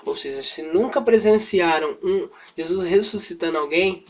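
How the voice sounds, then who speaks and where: Speaking at a moderate pace in a high-pitched voice, this male Sunday school teacher relates a Bible story to children informally, chatting away, frequently tacking on "né," and lightly dramatizing the dialogue. The recording is rough.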